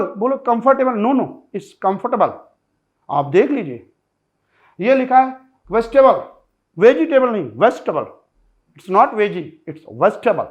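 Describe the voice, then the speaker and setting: A man teaching pronunciation in a classroom-style lesson, lively and joking, talking straight to his students. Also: high voice, muffled recording.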